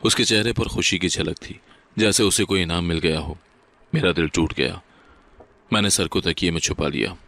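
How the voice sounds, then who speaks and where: Man with a really low voice reading out a sad story, calm and solemn. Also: vocal fry, dry recording. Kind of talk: scripted story narration.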